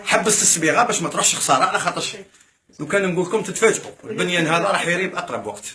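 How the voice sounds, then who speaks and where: Algerian man, quick and eager, high bright voice, on-camera commentary, echoey room with faint background noise. His delivery is excited as he thanks donors, filmed on a handheld phone. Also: a crowd in the background. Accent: Algerian Arabic. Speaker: vlogger filming a charity visit. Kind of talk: casual to-camera talk.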